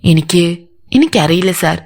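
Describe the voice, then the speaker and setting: A woman's voice: fairly low pitch, expressive, normal speed, vocal fry, a little mellow. A woman voicing an older housemaid who gives anxious, defensive answers to police. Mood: pleading. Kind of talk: audiobook character voice.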